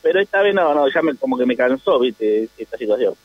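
A man's voice: medium pitch, animated, a little fast, no echo. A man with an Argentine Spanish accent, a taxi driver telling his story over the phone, rambling and repeating little tag phrases. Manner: rambling, repeats "le digo" and "¿viste?". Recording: tinny phone line.

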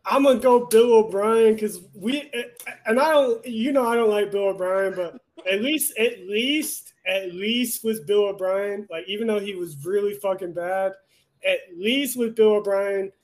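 A man's voice: sits high, a little slow, a little mellow. A young man co-hosting a sports podcast, ranting in a heated, profane way in casual chat. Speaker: podcast co-host.

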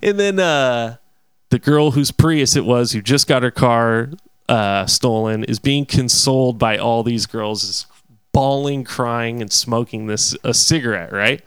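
A young man telling a wild story in a casual, profane, animated way, often laughing between phrases. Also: medium pitch, unhurried, smooth, no echo.

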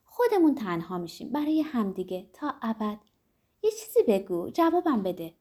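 A woman voicing an eager young woman in love, talking in a high, breathless, emotional way. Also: sing-song, dark tone, husky. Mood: pleading.

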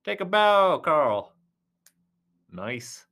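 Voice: medium pitch, sing-song, extremely slow, a bit bright, heavily acted. A performer voicing a goofy clown who commentates on thumb wrestling, with a rambling, giggly, joking delivery. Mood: chatty. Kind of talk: comic sports commentary.

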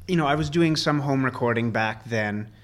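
In a friend's garage during a barbecue, a man in his early thirties sits as an interview guest and casually recalls his past. His mid-range voice moves at a normal speed with a fairly bright tone.

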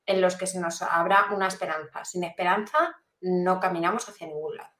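A woman's voice: lowish voice, fairly quick, a bit bright. Joking, laughing woman in a roomy space. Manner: laughs often, loose and joking. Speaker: guest philosopher answering questions. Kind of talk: casual chat. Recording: roomy echo with faint noise.

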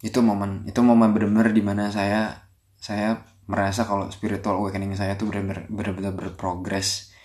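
A young man, hosting a podcast and telling a personal story in a soft-spoken, reflective way. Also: on the low side, completely flat delivery, fairly quick. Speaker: podcast host.

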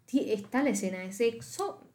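A woman's voice: a little high, moderate pace, darkish tone. A young woman with a Rioplatense Spanish accent co-hosting a podcast, talking casually about a film, blunt and sarcastic, swearing freely. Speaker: podcast co-host reviewing a film. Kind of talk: casual chat.

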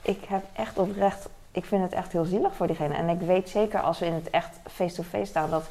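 A young woman talks straight to her viewers in a loose, rambling way, filling gaps with little asides. Her voice sits on the low side with a gravelly fry running through it. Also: steady tone, brisk, dark tone. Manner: rambling, frequent fillers and "weet je wel". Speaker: vlogger. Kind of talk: casual chat to camera.

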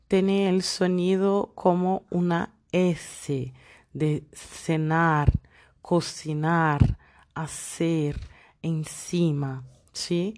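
Slow, deliberate woman teaching Spanish sounds. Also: on the low side, a little mellow. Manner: deliberate, reads out example words one by one. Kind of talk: pronunciation lesson.

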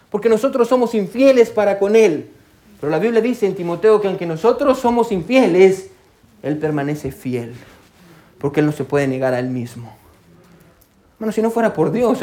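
A man preaching a sermon as pastor, swinging between loud highs and hushed lows and often calling out "hermano" and "amén". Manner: peppers speech with "hermano" and "amén".

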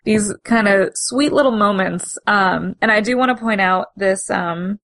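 A woman with a gravelly, creaky edge co-hosts a casual comics chat. She talks at a middle pitch, enthusiastic and chatty, with plenty of fillers along the way. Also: unhurried, fairly bright tone. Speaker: podcast co-host.

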